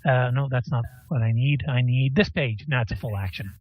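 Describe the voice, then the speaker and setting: A man running a tabletop game as game master, explaining rules and pausing to look them up. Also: mid-range voice, darkish tone, husky, no room sound, rough recording. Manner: explains rules while looking them up, many pauses.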